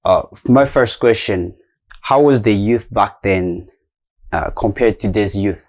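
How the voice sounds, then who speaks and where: A man's voice: on the low side, measured pace. A man hosting a casual interview, speaking hesitantly with many filler sounds. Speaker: host.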